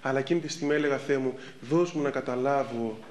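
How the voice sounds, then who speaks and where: A middle-aged Orthodox priest gives a sermon and tells stories lively, acting out the people in them. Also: male voice, mid-range voice. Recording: echoey room.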